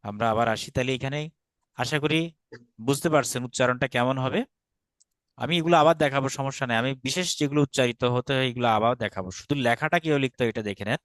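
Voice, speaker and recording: A man's voice: mid-range voice, fast talker, fairly bright tone. A man with a Bangladeshi Bengali accent teaching an online language class. He explains patiently, repeats sounds for students to echo, and mixes in English words. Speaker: Sanskrit teacher.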